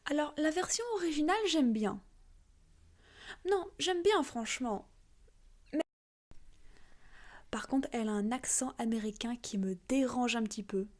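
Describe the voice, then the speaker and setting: A woman's voice: fairly high pitch, unhurried, long pauses, darkish tone. A woman giving frank, chatty opinions in a casual vlog, with many fillers. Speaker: video creator.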